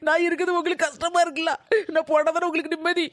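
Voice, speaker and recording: A woman's voice: extremely high pitch, flat delivery, quick pace, fairly bright tone, no echo, studio quality. Woman playing an indignant young daughter-in-law. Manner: indignant, arguing back.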